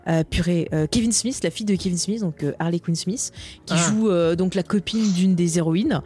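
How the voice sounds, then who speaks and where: A woman's voice: on the low side, moderate pace, warm tone, husky. A woman co-hosting a casual podcast, chatty and enthusiastic as she recommends a show. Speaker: podcast co-host. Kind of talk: casual chat.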